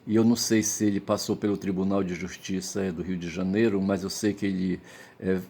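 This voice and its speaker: Hungover man for casual rambling commentary; deep, creaky voice, halting delivery. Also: flat delivery, darkish tone. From Brazil. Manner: halting, repeatedly checks with tag questions. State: hungover, tired. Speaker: vlogger giving commentary.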